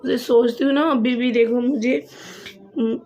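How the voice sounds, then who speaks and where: A woman's voice: fairly high pitch, fairly even intonation, a little slow, a little mellow, dull audio. A young woman vlogger telling a personal story in a chatty way, often repeating phrases for emphasis. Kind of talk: casual storytelling to camera.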